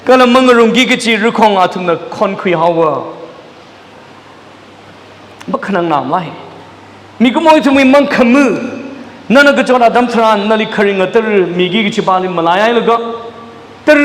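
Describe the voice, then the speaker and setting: A man's voice: high-pitched, fairly bright tone. A man preaching a sermon in a church, dropping English words into his talk. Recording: echoey church hall, mic at a distance.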